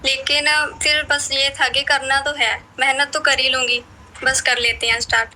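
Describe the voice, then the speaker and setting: A woman's voice: high voice, level tone, normal speed, pushed and bright. A female guest answering interview questions earnestly in short, simple phrases.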